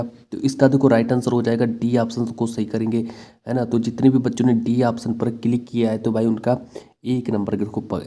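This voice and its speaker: Very dark-voiced man teaching class. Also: mid-range voice. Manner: repetitive, addresses students as brother, lots of tag questions. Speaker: exam prep teacher. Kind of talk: online class lesson.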